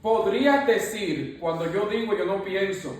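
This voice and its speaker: Man, bible study speaker, emphatic and repetitive, high voice, heard far off in a roomy hall. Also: a little slow, slight background noise. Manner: emphatic, repeats phrases, often turns to the pastor. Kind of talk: preachy teaching. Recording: echoey room, far from the mic.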